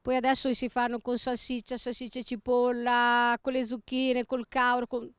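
Shopkeeper woman, crisp high voice, dry close sound. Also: completely flat delivery, no room sound. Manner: brisk, lists items one after another. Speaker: piadina shop owner. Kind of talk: interviewed, listing menu items.

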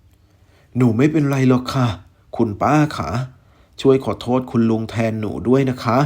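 A man voicing a frail, devoted young woman in a soft, polite way. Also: mid-range voice, fairly even intonation, measured pace, natural voice. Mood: gentle.

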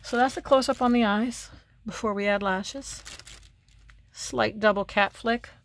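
A woman's voice: medium pitch, unhurried, slight background noise. A woman chatting casually through her makeup routine at home, full of wry remarks and muttered asides to herself. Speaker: beauty vlogger. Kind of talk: casual get-ready-with-me chat. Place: at home, seated while doing makeup.

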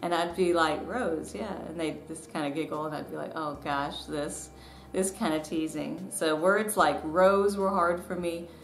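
A woman in her thirties, an author and vlogger from the southern US with roots in Tennessee and Georgia, tells a personal story to camera in a casual, self-deprecating way. Her voice is low with fairly even intonation and a slightly slow pace. She sits in a small living room at home, where the recording picks up echo and background noise.

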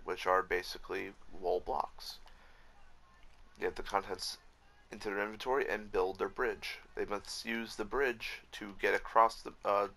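A man's voice: fairly low pitch, creaky, pushed and bright. A man giving casual, frustrated commentary while rebuilding a game map, swearing often and correcting himself as he goes. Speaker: Minecraft YouTuber.

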